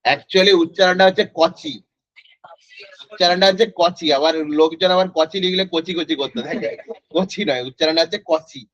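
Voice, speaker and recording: A man's voice: high voice, a little fast, a bit bright. A male physics tutor, teaching an online class in a casual way and quizzing students by name. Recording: dry, slightly dull lo-fi audio.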